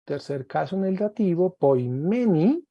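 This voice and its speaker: A man's voice: high-pitched, very animated, measured pace, no room sound, muffled recording. A man teaching a Greek class online, patiently drilling word forms and encouraging his students.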